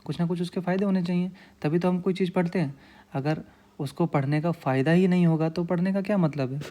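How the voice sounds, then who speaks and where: Male tutor, grammar lesson; mellow, relaxed timbre, patient and repetitive, checks in often with listeners. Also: high-pitched, brisk. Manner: frequent check-in phrases. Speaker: teacher.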